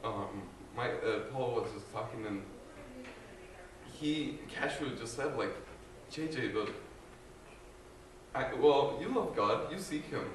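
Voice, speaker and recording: An earnest young adult student from Guatemala shares his personal faith testimony with a group in a large, echoey room, hesitating, pausing often, restarting sentences and filling gaps with ums. His medium-pitched voice is expressive. Recorded without a mic from a distance, he sounds far away, with faint ambient noise in the background.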